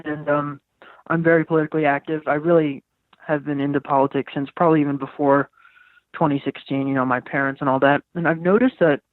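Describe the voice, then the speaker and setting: A man's voice: on the high side, fairly even intonation, quick pace, dry recording. A teenage man from New York calling in over the phone, talking earnestly and searching for his words. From New York, USA. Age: teens. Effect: heard over the phone. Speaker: caller. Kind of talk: casual call-in talk. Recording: tinny, breaking-up phone line.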